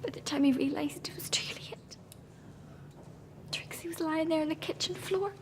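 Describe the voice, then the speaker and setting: An earnest, theatrical young artist. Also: female voice, high voice, moderate pace, in a whisper, big-room sound. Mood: tragic. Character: earnest dramatic young woman artist, self-absorbed. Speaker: artist exhibiting paintings. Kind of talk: sitcom acting. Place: art gallery.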